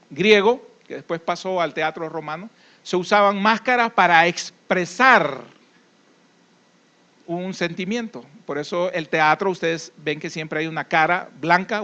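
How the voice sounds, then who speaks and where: High-voiced Salvadoran man preaching. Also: bright, forceful tone, dull audio. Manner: conversational preaching with folksy anecdotes and tag questions. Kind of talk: sermon.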